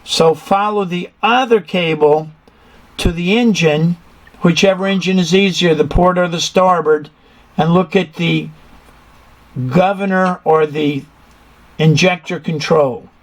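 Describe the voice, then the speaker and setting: Giving an engine room tour, a man with a high, unhurried voice teaches like a hands-on instructor. He works methodically through technical details step by step, quizzing his learner along the way.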